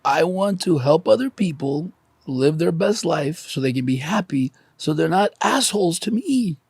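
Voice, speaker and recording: A man's voice: on the high side, expressive, normal speed, vocal fry, husky, dry recording. A man in his forties, a podcast guest, talking candidly and emotionally with lots of swearing, close to tears. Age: 40s. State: teary.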